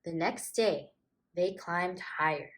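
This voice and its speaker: Speaking slowly in a lowish, somewhat bright voice, a female teacher reads from a storybook and addresses small children. Her words are simple, gentle and encouraging.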